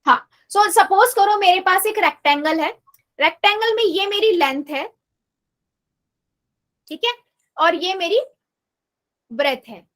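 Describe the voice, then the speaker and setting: A woman's voice: very high-pitched, lively intonation, unhurried, pauses often, fairly bright tone. A woman math teacher giving a live online class, patiently coaxing her students and repeating her questions, mixing English math terms into her Hindi.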